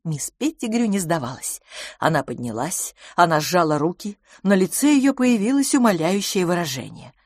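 Expressive woman narrating an audiobook. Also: fairly low pitch, normal speed, no echo, studio quality. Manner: expressive, lively reading. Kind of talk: scripted narration.

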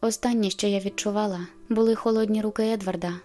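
Woman reading a novel aloud, monotone, mellow voice. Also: medium pitch, quick pace, soft background music. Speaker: audiobook narrator. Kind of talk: scripted narration.

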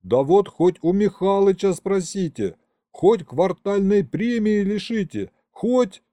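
An eager young man talks in a high, lively, pleading voice, as a male narrator puts him on. The tone stays warm and mellow, and the sound is dry and close. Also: slow, dry recording.

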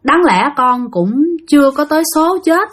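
A woman's voice: sits high, sing-song, moderate pace, a bit bright, pitched above the performer's own voice. A woman voicing the ghost of a drowned young man who earnestly begs his parents to forgive him. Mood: anguished. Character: drowned young man's ghost, devoted, apologetic.

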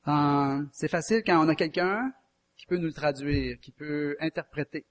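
A man's voice: a little high, normal speed. A man with a Québécois French accent preaching a chatty, folksy sermon and quizzing his listeners. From Quebec. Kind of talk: conversational sermon.

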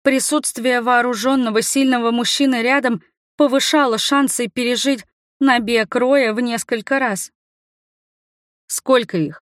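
A woman narrates a first-person fantasy audiobook in an even, measured reading. Her voice sits fairly high, and the close studio sound is completely dry. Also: dry recording.

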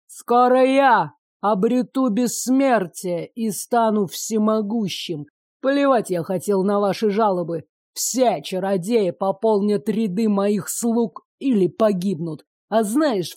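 In a close, dry audiobook recording without echo, a female narrator takes on a cruel sorcerer hungry for power. He sneers in a slow, gloating drawl, mellow and lower than her own voice, which stays natural.

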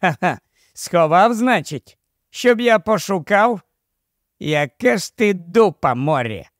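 A man's voice: high-pitched, expressive, takes it slowly, dry recording, clean studio sound. A man reading an audiobook, voicing a brash, foul-mouthed young male friend who jokes in crude, mocking banter. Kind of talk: audiobook character voice.

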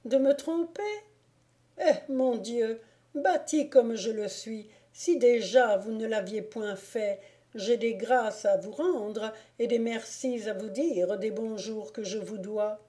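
A woman reading a storybook voices a meek, kindly little bailiff who speaks gently and naively. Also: on the high side, expressive, slow pace. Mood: placating.

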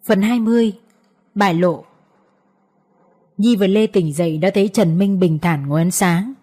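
Mellow female audiobook narrator. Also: mid-range voice, moderate pace, slightly rough. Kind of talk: scripted story narration.

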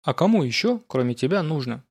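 Older male scholar, calm, teasing, unhurried, gentle, fantasy audiobook, read by the narrator. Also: fairly high pitch, slightly rough, exaggerated voice. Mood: warm.

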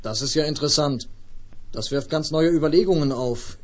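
Smooth, probing caller voiced by a man, fairly high voice, old radio play. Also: a little fast, lightly acted. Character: calm, scheming male tinkerer on the phone. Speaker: [name]. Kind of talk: 1970s radio play acting.

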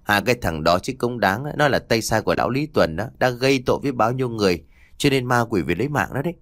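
A man's voice: mid-range voice, lively intonation, a bit bright, no room sound, clean studio sound, lightly acted. A man doing a smug gossiping villager. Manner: quick, matter-of-fact gossip.

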